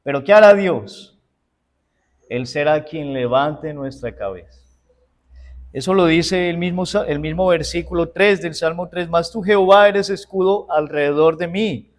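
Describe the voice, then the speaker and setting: A man's voice: on the high side, unhurried. A man preaching a sermon as pastor with a Uruguayan Spanish accent. He preaches emphatically, often asks his congregation rhetorical questions and answers them himself, and keeps calling them brothers and sisters. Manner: addresses listeners as brothers and sisters.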